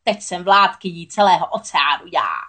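A woman voicing a gloating female sea witch who speaks slowly and croaks triumphantly. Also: on the low side, sing-song, sharp tone, full character voice.

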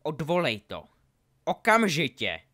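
A man's voice: mid-range voice, very animated, a bit bright. A man voicing a sneering, hot-tempered adult male wizard in a storybook reading, taunting and biting. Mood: taunting, shouting.

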